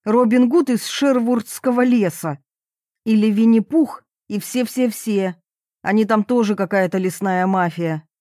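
A woman's voice: mid-range voice, warm tone, no echo, studio quality, close to an everyday voice. Woman reading as a snarky inner voice. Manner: quick sarcastic retorts. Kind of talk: audiobook character reading.

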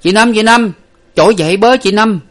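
A man reading a story, voicing an excitable, timid young male servant who shouts urgently. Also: on the high side, a little fast, pitched above the performer's own voice, close to an everyday voice.

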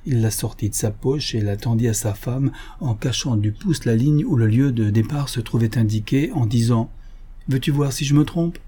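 Casting note: male audiobook reader, mellow and husky, even literary narration, small lifts in pitch for dialogue. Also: moderate pace, few pauses.

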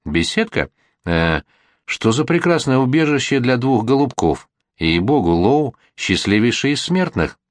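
A man reading an audiobook voices an eager young gentleman who teases and gets excited. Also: medium pitch, a little slow, no echo, studio quality, voice pushed up. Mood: teasing. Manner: teasing and excitable.

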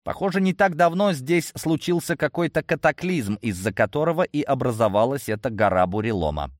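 A man reading a fantasy game novel aloud in the first person, with wry, expressive storytelling. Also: mid-range voice, a little fast, no room sound, studio quality. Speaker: audiobook narrator. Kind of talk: first-person audiobook narration.

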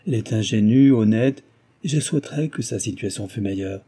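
A man's voice: lowish voice, fairly quick, mellow, natural voice. A man voicing an ardent, passionate young suitor in an audiobook, pleading with energy. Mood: impassioned. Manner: impassioned, pleading.

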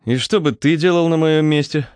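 A man's voice: fairly high pitch, normal speed, a little mellow, clean tone, no echo, pitched above the performer's own voice, lightly acted. A man voicing a wary, sardonic young man who talks in a dry, skeptical way.

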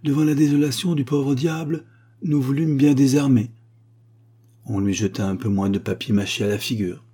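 A man narrating a literary story as an audiobook, in a measured, expressive storytelling manner with a husky voice. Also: medium pitch.

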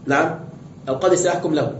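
A man's voice: a little high, steady tone, quick pace, a little hiss or hum. A man, a sheikh giving an explanatory lecture on scripture who poses rhetorical questions and reads texts aloud. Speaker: sheikh teaching exegesis. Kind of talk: classroom lecture with commentary. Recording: roomy, dull lo-fi lecture recording.

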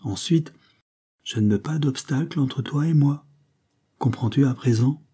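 A man reading an audiobook, voicing a furious, imperious Creole woman in a sharp, commanding manner. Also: mid-range voice, unhurried, slightly rough, pitched above the performer's own voice.

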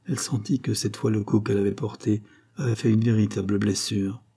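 A man narrating a classic novel as an audiobook, in a steady, measured way. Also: fairly low pitch, husky. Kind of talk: literary audiobook reading.

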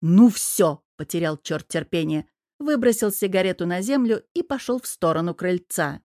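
A woman's voice: lowish voice, normal speed, no echo. Woman narrating an audiobook, dry close mic. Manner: expressive storytelling. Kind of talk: scripted narration.

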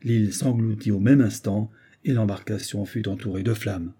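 A man's voice: on the low side, fairly even intonation, normal speed, mellow, slightly rough. A man voicing a weathered male sea captain who grimly recounts an eerie tale from his voyages. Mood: grave. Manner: grave, storytelling. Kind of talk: scripted narration of a classic story.

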